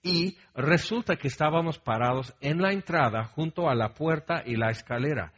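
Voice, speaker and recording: A man's voice: on the high side, moderate pace, a bit bright, breathy edge, muffled recording. A man with a Mexican Spanish accent preaching a sermon in a conversational way, often checking in with the congregation and telling humorous stories with asides. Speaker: pastor.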